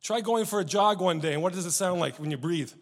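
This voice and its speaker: A pastor preaching with a high, light voice that rings out through a long reverb, as in a church hall. He swings between soft, intimate stretches and loud, emphatic bursts. The delivery is animated and direct. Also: fast. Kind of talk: sermon.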